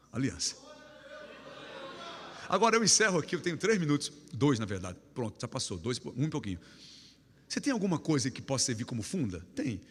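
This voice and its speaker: A man preaching a lively youth sermon, telling stories with humor and bursting into shouts. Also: medium pitch, husky. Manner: animated, humorous storytelling, sudden shouts. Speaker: guest pastor. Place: church hall. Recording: echoey church hall.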